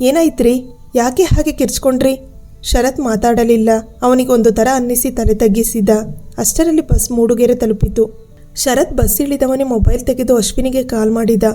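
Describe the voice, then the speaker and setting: A woman storyteller giving a steady, measured scripted narration of a ghost story. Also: a little high.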